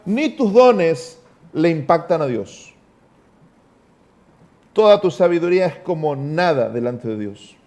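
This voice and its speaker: A male Argentine pastor preaching with a noticeably high voice. His tone is mellow and dark rather than bright, and he stretches key phrases slowly before letting them fall low and soft. He speaks with an Argentine Spanish accent. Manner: emphatic preaching with slow, drawn-out phrases that drop to low, quiet endings. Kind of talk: sermon.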